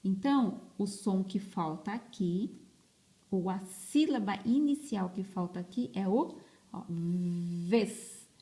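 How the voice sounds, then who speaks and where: With a warm, mid-range voice and lively intonation, a teacher leads kids through an early reading lesson, saying words slowly and emphatically repeating every syllable. The audio comes from a phone.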